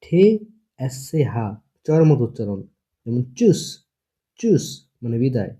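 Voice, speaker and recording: A man's voice: medium pitch, expressive, normal speed, mellow, highs cut off. A man teaching an online language lesson, patiently spelling out letters and sounds one at a time.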